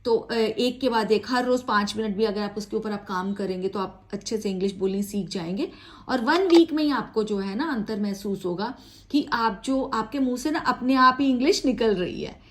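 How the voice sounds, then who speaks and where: Casting: female English teacher, high voice, upbeat coaching, slow drilled example phrases. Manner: encouraging, chatty. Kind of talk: spoken English lesson.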